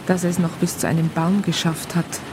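In a radio crime drama, a woman narrates in the first person as a police colleague, recounting a case in a matter-of-fact, colloquial way with a Bavarian accent. Her voice is on the low side, fairly monotone and a little fast, close to an everyday voice, with background noise present.

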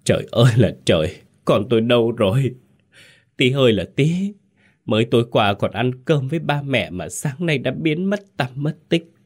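A man's voice: medium pitch, animated, moderate pace, darkish tone, breathy edge, pitched above the performer's own voice. A man reading a ghost story voices a young village mother crying out for her missing son, sobbing and wailing.

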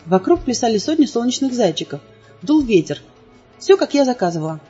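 A woman's voice: fairly high pitch, big pitch swings, a little fast, warm tone, husky. Woman narrating an audiobook emotionally. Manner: emotional, dramatic. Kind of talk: first-person audiobook narration. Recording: dull lo-fi sound with faint music.

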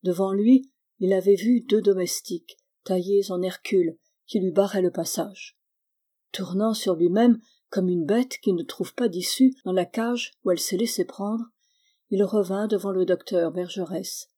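A woman narrating a classic novel as an audiobook reader, in a steady, even storytelling manner. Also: medium pitch, a little slow, slightly rough. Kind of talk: scripted narration.

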